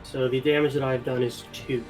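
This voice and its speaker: A man's voice: mid-range voice, level tone, brisk, a little mellow, soft background music, rough recording. Precise man correcting game rules. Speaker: player. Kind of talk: casual tabletop game play.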